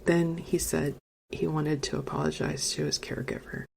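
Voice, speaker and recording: Low gravelly woman telling a personal story. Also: little pitch movement, moderate pace, darkish tone, a little hiss or hum. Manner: emotional, tearful at moments, conversational with many "you know"s. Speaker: podcast host and spiritual medium.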